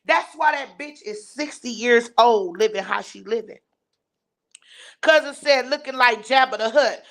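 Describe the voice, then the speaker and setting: A woman's voice: fairly high pitch, measured pace, a bit bright. A woman hosting a live stream, ranting bluntly and scornfully while reading and answering her viewers' chat. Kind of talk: heated live-stream rant.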